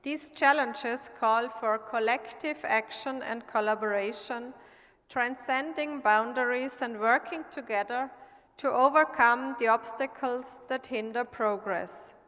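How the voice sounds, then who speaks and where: A woman from Austria who sits in parliament, giving an earnest, measured prepared speech at an assembly. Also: on the high side, fairly bright tone. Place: large assembly hall. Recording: long hall reverb.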